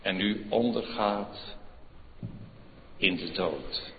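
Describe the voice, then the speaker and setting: A man preaching a sermon as pastor, swinging between hushed words and loud fervent calls. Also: sits low, extremely slow, long reverb tail, narrow, tinny audio, a little hiss or hum.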